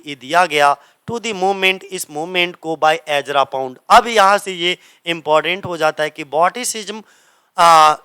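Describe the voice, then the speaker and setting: A man teaching English literature for exams, asking his students the same question again and again and reading English passages out slowly. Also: sits high, sharp tone, smooth, no echo, low-quality recording. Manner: repeats key answers as quiz questions to students; mixes Hindi and English, reads English passages slowly. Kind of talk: exam-prep lecture.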